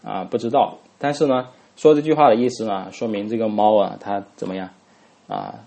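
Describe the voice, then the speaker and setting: Fairly quick and steady, his low-ish voice is gravelly and mellow as he teaches an English grammar lesson. He spells words letter by letter, repeats each one twice, and keeps asking his students rhetorical questions, using lots of fillers.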